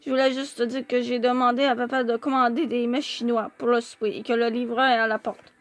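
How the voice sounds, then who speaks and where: A woman's voice: a little high, flat delivery, brisk, natural voice. A woman, reading a novel aloud and voicing a teenage big brother in a plain, matter-of-fact way.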